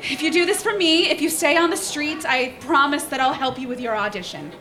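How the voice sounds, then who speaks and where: Faint music sits behind this actress's high, slightly bright voice as she performs a live radio play. Her character is a nervous but determined Iowa mother in middle age, flustered and embarrassed, speaking sternly with halting delivery and bursts of nervous laughter.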